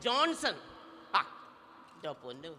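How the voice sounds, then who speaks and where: A man speaks slowly in a full character voice that sits high and swings hugely in pitch, portraying a brash middle-aged auntie who teases and bosses the audience. As comedian and emcee he is loud, calls people up, and banters with the crowd. The convention hall PA is reverberant, with slight background noise.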